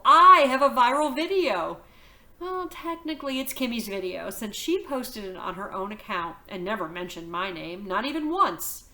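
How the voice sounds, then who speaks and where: A woman, a teacher reading a novel aloud to her class, telling the story in a lively, expressive way. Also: medium pitch.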